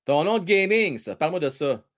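Excitable Quebec French hockey stream host. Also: male voice, fairly quick. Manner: excitable, chatty, slangy, swings between shouting and low asides. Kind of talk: live game commentary and chat reading.

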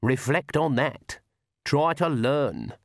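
A man voicing a stern, sharp-tongued elderly witch who talks in blunt rural speech. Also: mid-range voice, animated, takes it slowly, gravelly, dry recording, clean studio sound, voice pushed up, heavily acted.

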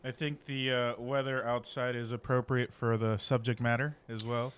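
A man's voice: mid-range voice, flat delivery, moderate pace, clear, resonant tone. A man co-hosting a podcast, chatting casually in an offhand, informal way. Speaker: podcast co-host. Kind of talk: casual chat.

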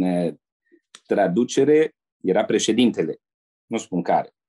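An older man from Romania, a former diplomat and interpreter, telling anecdotes in a relaxed way and turning to the listener with asides. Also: fairly low pitch. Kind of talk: anecdotal storytelling.

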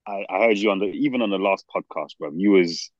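A man's voice: low-pitched, fast, no echo, muffled recording. A man with a London roadman accent in casual football banter, arguing emphatically and repeating himself. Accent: London, urban slang (roadman). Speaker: football podcast co-host.

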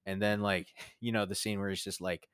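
A man's voice: lowish voice, little pitch movement, moderate pace, a bit bright, clear, resonant tone, dry recording, clean studio sound. A young man casually reviewing a movie with a friend, rambling with many fillers and restarts. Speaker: podcast co-host.

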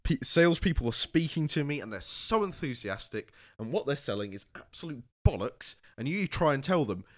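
Ranting British man, lively pitch. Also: fairly quick, few pauses. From Britain. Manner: animated, ranting, laughs a lot, acts out quotes. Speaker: podcast co-host. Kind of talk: casual chat.

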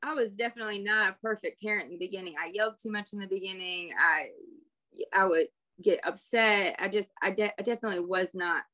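A woman's voice: mid-range voice, fast talker, pushed and bright. Candid mother telling family stories. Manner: candid, rambling, laughs while telling stories. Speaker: guest parent. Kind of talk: casual conversation.

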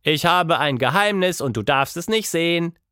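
A man voicing a stubborn, cheeky little girl in a children's story, calling out loudly. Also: on the high side, lively intonation, moderate pace, no echo, studio quality, voice pushed up. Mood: eager, loud. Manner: loud and eager.

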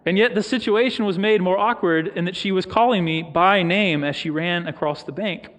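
High-voiced male preacher in an echoing hall. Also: a bit bright. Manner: storytelling, reflective, with pauses for emphasis. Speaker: pastor. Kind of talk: sermon. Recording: long reverb of a large hall.

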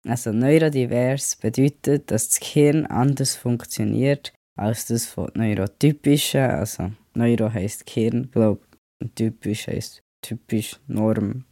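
A man's voice: fairly low pitch, mellow, no echo, clean studio sound. A young man who has a cold, hosting a casual solo podcast and rambling on with English words mixed in. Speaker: podcast host.

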